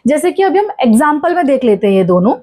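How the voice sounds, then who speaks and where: A woman with a high voice and an Indian accent leads a classroom-style grammar lesson. She keeps asking questions and answering them herself, repeating the key rules over and over. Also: very animated, fast talker, warm tone. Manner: mixes Hindi with English terms. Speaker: English grammar teacher.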